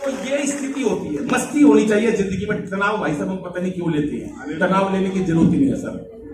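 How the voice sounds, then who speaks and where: A man's voice: high voice, lively intonation, brisk. A man with a Haryanvi accent doing live comic storytelling, chatty and teasing the audience, acting out voices in his jokes. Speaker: stand-up comedy poet. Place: live event hall with audience. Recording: echoey hall from far off, noisy crowd.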